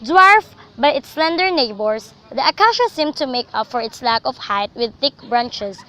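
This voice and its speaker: Reading dramatic scripted narration for a student radio drama, a young woman sounds animated, her high voice sharp-toned at normal speed. The amateur recording is faintly noisy.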